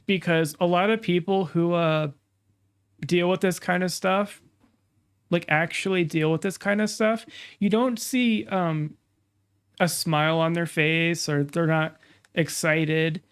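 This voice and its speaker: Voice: medium pitch, steady tone, a little slow, clean tone. A streamer hosting a casual live reaction, talking with a stuffy nasal sound, as if pinching the nose. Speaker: streamer and host.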